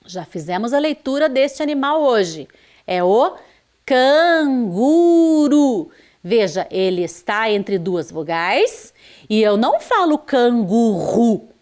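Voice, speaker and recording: A woman's voice: mid-range voice, very animated, measured pace. A Brazilian woman teaching a primary school video lesson, drawing out words and stressing their sounds for young children. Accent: Brazilian Portuguese.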